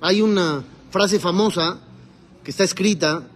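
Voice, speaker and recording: At a measured pace and high pitch, a rabbi delivers a religious lesson to students in the room. He raises questions for the class, resolves them on his own, and explains the Hebrew texts he reads out.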